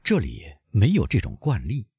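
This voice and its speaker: A man voicing a bandit guard who answers softly and with mocking politeness. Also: wildly swooping pitch, moderate pace, gravelly, slightly rough, no room sound, studio quality, full character voice. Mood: mock-polite. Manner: soft, low and mockingly polite. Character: calm, courteous male bandit guard.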